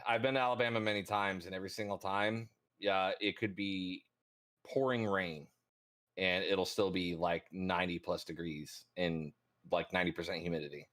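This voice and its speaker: A man's voice: low voice, fairly even intonation, normal speed, fairly bright tone. A young man talking casually in a podcast chat, laid-back and profane, with lots of ums and rambling asides.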